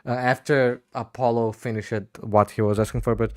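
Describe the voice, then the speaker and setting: A man's voice: mid-range voice, little pitch movement, moderate pace, darkish tone, clear, resonant tone, dry recording. Brazilian accent guy hosting a chatty podcast, keeps going uh and laughing, pretty dry sound. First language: Portuguese. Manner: hesitant, many fillers, laughs often. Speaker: podcast host. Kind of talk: casual video-call interview.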